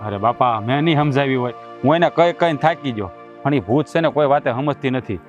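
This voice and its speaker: A man's voice: mid-range voice, a little fast, dull audio, soft background music, lightly acted. An actor playing an exasperated village husband, complaining to his father.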